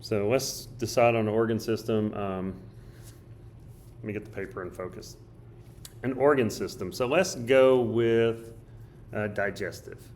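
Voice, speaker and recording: A man teaching with a somewhat low, slightly hoarse voice. He talks casually and thinks aloud while he draws and writes. A faint hiss sits under the recording. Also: measured pace, pauses often, darkish tone. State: hoarse, coughing. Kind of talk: recorded study guide walkthrough.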